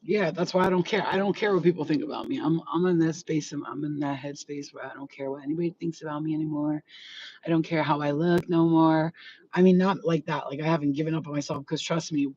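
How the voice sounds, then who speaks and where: Speaking fast in a low, slightly mellow voice with fairly even intonation, a spiritual healer from New York in her 40s delivers a blunt, foul-mouthed, casual rant to viewers. The audio is a bit dull, with faint background noise.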